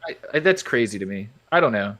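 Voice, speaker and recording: A young man from Texas in casual chat, blunt and swearing freely, getting animated when worked up. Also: medium pitch, fast talker.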